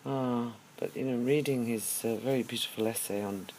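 An older man, giving a halting, wry personal monologue as host of his own audio series. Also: medium pitch, steady tone, a little mellow, slight background noise, low-quality recording. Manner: musing, halting, with wry humour. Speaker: podcast host.

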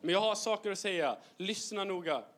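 A bright-toned man preaching in a church, lively and full of jokes. His voice sits high and sounds forceful, and he slips English phrases into his sermon. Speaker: youth pastor. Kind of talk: humorous sermon. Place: church hall.

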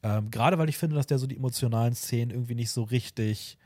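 Man, podcast host, quick rambling chat, dry close sound. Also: mid-range voice, a little mellow, dry recording. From Austria. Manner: rambling, many fillers and restarts. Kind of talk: casual chat.

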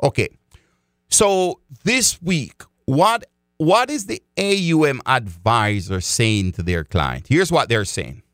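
Slow, animated man speaking emphatically. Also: mid-range voice, no echo, studio quality. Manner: emphatic, repeats key phrases, addresses listeners as folks. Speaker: financial educator. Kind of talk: direct-to-audience talk.

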